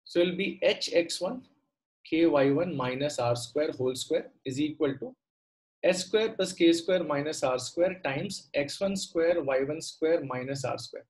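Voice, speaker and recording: A middle-aged male teacher speaks with a South Indian accent in a moderately high voice. He explains things step by step in a conversational way, often repeating a phrase and stopping to ask short questions of his students. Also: animated, measured pace, darkish tone. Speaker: maths teacher. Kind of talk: online lesson, explaining step by step. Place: indoor room, online class on a computer.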